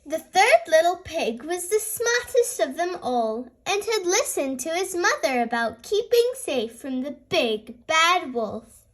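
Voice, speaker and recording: A woman reading a storybook to small children in an animated fairy tale opening manner, as a host of story time. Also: extremely high pitch, slow pace.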